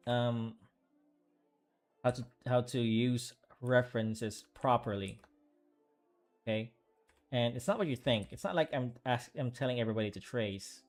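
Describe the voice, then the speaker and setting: An artist chats casually on a livestream while he draws, rambling with lots of fillers and restarts. His voice is medium-pitched with a darkish tone.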